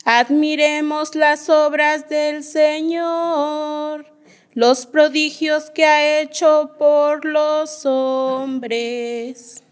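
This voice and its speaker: A woman's voice: sits high, flat delivery, extremely slow, faint music behind. A woman delivering a psalm as cantor at Mass, in sung and recited liturgical phrases.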